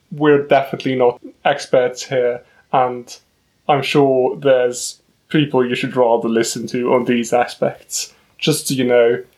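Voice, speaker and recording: Relaxed male podcast host. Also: mid-range voice. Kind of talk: casual round-table chat.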